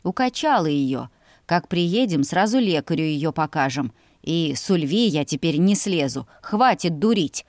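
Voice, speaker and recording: A woman's voice: sits low, animated, unhurried, darkish tone, no echo. A weary middle-aged father grumbles in a storybook tale, voiced by a woman reading aloud. His tone is tired and plain, without flourish. The sound is dry and close. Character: gruff worried noble father, middle-aged.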